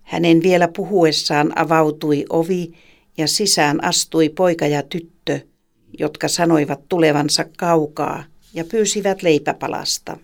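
A narrator reading an old folk tale aloud in a calm, measured way. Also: medium pitch, creaky. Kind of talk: storybook reading.

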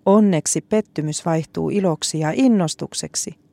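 Low, gravelly-toned woman announcer. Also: mellow, no room sound. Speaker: program announcer. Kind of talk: scripted introduction.

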